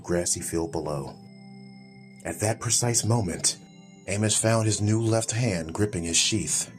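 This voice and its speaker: Soft music plays behind a man reading a fantasy story in a low voice, performing as a scripted audiobook storyteller.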